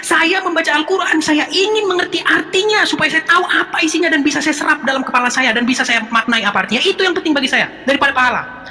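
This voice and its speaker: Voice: sits high, quick pace, pushed and bright. Suara cerah dan tajam, bicara cepat, jengkel dan menantang, bergema dengan musik samar. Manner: exasperated, challenging, repeats demands. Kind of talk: heated online debate. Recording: roomy sound with faint music.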